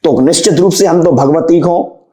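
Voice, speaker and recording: A young man being interviewed as a poet, who talks fast and recites his verse in a rhythmic, declaiming way. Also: fairly high pitch, warm tone. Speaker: poet guest. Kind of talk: casual interview chat with poetry recitation.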